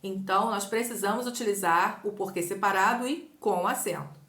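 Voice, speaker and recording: A woman teacher with a Brazilian accent giving an online grammar lesson, explaining clearly and patiently. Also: medium pitch, moderate pace, a bit bright. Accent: Brazilian Portuguese. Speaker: Portuguese teacher. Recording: echoey room.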